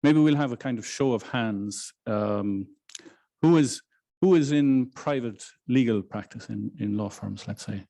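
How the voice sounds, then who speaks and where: A man delivering a university law lecture in a measured, halting way. He often restarts his phrases and fills the pauses with ums. His voice sits at an ordinary middle pitch. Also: gravelly, warm tone. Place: lecture room in Brussels, hybrid with online audience.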